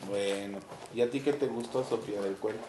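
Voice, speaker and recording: A woman with a very deep, low-pitched voice hosts a podcast, patiently questioning children about a storybook. She often ends her questions with a tag question. Her voice sounds roomy and echoey, with a faint hiss underneath. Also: brisk. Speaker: host of a children's book podcast. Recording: roomy echo with faint noise.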